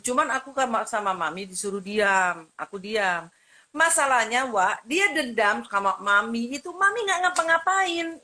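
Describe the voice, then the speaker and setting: Woman, high and bright, scolding account with repeated rhetorical questions. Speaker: vlogger telling her side of a family dispute. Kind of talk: heated personal account to camera.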